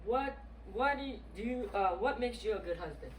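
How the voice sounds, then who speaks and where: A woman's voice: fairly high pitch, animated, moderate pace. A woman interviewing her husband in a casual, chatty way. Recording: distant mic, noisy room ambience.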